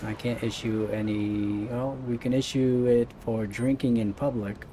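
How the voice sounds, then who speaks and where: Casting: male gaming host, casual play-by-play, soft dark tone, light vehicle ambience underneath. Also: mid-range voice, fairly even intonation, measured pace, a little hiss or hum. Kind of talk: casual let's-play commentary.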